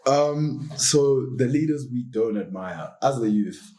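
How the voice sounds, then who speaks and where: A man in his early twenties, a student on a panel, speaking carefully with pauses. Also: mid-range voice, expressive, darkish tone. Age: 20s. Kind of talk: casual panel discussion.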